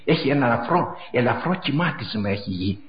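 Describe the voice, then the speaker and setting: A man's voice: medium pitch, lively intonation. Impassioned middle-aged male preacher, echoey. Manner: impassioned, repetitive, swings from loud to hushed. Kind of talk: sermon. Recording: echoey, dull lo-fi recording.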